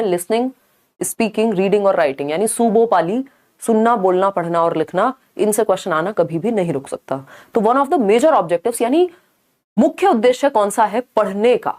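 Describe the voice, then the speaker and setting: A woman's voice: mid-range voice, a little mellow. A woman teaching a live online exam-prep class, chatty, often checking back with her viewers. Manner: chatty, mixes English into Hindi, asks the class to confirm.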